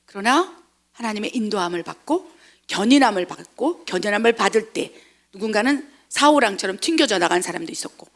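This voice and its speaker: A woman missionary pastor preaching a lively sermon, acting out voices and asking the congregation questions. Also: mid-range voice, brisk. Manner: animated, acts out quoted voices; asks the congregation rhetorical questions.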